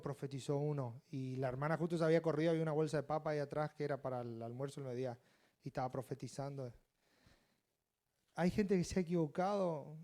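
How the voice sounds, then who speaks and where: Pastor guy preaching, mellow, higher voice, gets loud then goes quiet. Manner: preaching with animated swings between loud scripture reading and quiet asides. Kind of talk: sermon.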